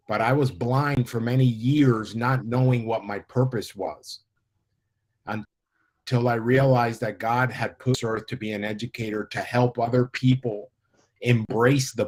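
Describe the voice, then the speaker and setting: Over poor audio, a medium-pitched, slightly mellow man speaks earnestly and inspirationally. He is an American life coach in his fifties, talking as a guest in an interview.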